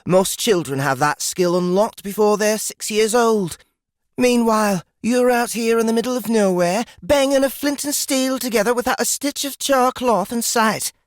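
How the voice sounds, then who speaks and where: In a fantasy audiobook, a narrator voices a brash, mocking, seasoned woodswoman who is blunt and amused, sounding excited and knowing. The medium-pitched delivery sits above the performer's natural voice yet stays close to everyday speech, at a moderate pace, in a dry studio-quality recording.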